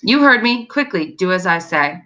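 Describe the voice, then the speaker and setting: A woman's voice: lowish voice, lively intonation, moderate pace, pushed and bright, rough recording. A woman voicing a brave young soldier who speaks casually and self-assuredly, in a storybook reading. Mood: unruffled. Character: brave, cool-headed young male soldier.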